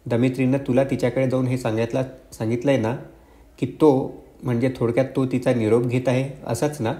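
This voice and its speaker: Cool mocking brother, dry talk, man reads him mid pitch. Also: little pitch movement, fairly quick, warm tone, roomy sound, lightly acted. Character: cool ironic older brother, young man.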